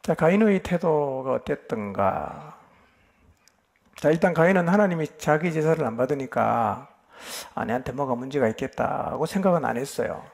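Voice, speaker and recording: A man's voice: mid-range voice, lively intonation, moderate pace, vocal fry, slightly rough. A male pastor giving a Bible lecture at a church retreat, addressing the congregation directly with emphatic rhetorical questions. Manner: keeps addressing the listeners directly, with affirming "yes".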